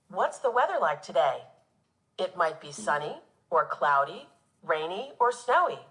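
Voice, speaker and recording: With a medium-pitched voice, a woman teacher reads aloud from a nonfiction children's book, expressive and instructive for young pupils.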